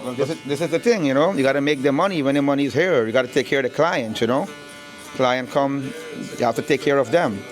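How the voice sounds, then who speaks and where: A middle-aged Guyanese barbershop owner with a Guyanese accent talks easily about his shop in a casual interview, speaking fast in a mid-range voice. He's easygoing, repeats words, and leans on fillers like "you know." Faint music plays behind him in the indoor barbershop.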